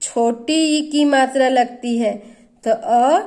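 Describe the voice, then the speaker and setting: A woman's voice: high voice, fairly even intonation, slow pace, dark tone. A woman teacher giving a grammar lesson to children, explaining patiently and asking them questions as she goes.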